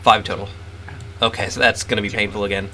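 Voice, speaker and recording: A man playing a tabletop game, expressive and prone to exclaiming. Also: lowish voice, fast, a little hiss or hum. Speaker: player.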